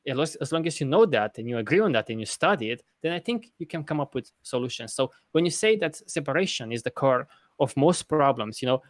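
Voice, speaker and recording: An earnest man, his voice sitting in an ordinary middle register. He argues his case in a casual podcast chat, halting and restarting as he thinks aloud. The sound is close and dry. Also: mid-range voice, lively intonation, no echo. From Romania. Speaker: podcast host. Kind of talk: casual discussion.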